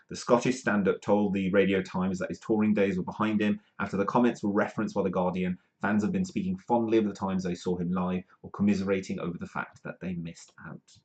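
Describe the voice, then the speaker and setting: A man's voice: deep voice, fairly even intonation, a little fast. A man hosting a live comedy news stream from the UK, reading articles aloud with rambling asides and plenty of ums. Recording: dull lo-fi stream audio.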